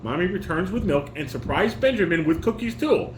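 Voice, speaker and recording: In a noisy, roomy home recording, a father directs his family's read-through, voicing stage directions and giving coaching. His pitch moves expressively, but his reading stumbles as he keeps repeating and fixing his words.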